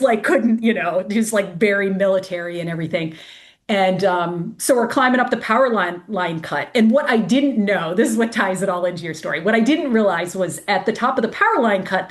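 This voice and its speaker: A woman's voice: medium pitch, expressive, brisk. A woman guest telling a casual story in chatty speech, full of "like", acting out the voices of the people she quotes. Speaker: guest, race director.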